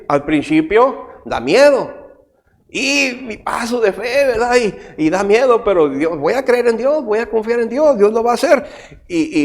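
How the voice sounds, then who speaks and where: A middle-aged man preaching a sermon as pastor, animated and asking the congregation frequent rhetorical questions. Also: high-pitched.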